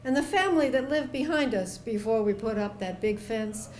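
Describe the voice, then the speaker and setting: A woman voicing a calm, folksy older woman neighbor, recounting in an unhurried, homespun way. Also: fairly high pitch, reverberant, slight background noise, lightly acted. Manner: unhurried, homespun storytelling with down-home phrasing.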